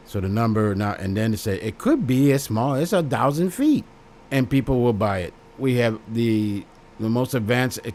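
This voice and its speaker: A man's voice: fairly low pitch, darkish tone, slight background noise. A middle-aged man with a Chicago accent hosts his own channel, talking straight to the camera in blunt, plain words and repeating phrases for emphasis. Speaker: YouTube host. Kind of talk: casual direct-to-camera commentary.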